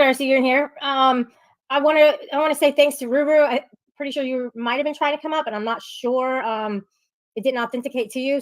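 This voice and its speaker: A woman's voice: a little high, poor audio. A woman hosting a casual live audio chat, talking hesitantly with many fillers and restarts. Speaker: livestream host.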